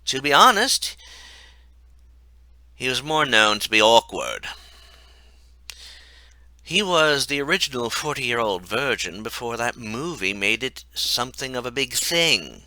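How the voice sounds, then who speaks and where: Guy reading his own funny story out loud, wry and mocking, really lively swoops, dry close sound. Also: mid-range voice, unhurried, pauses often, no room sound. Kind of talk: reading a comic story aloud.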